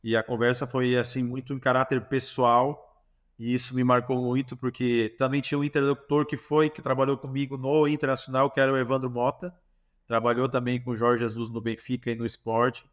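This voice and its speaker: A man's voice: medium pitch, level tone, a little fast. A Brazilian man, a former goalkeeper, telling anecdotes in a casual interview, with many restarts and self-corrections.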